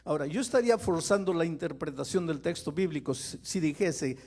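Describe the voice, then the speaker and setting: Gravelly-voiced pastor preaching with drama. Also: male voice, on the high side, lively intonation, brisk. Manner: dramatic, swings from quiet telling to loud impassioned pleading; speaks to listeners directly with questions. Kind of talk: preaching a sermon.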